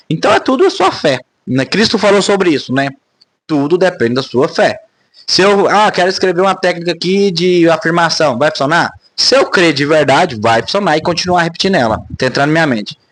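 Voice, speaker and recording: A man's voice: a little high, lively intonation, quick pace, a bit bright, dry recording. A man, talking casually to camera in a rambling vlog monologue, often ending phrases with tag questions. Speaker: spiritual vlogger.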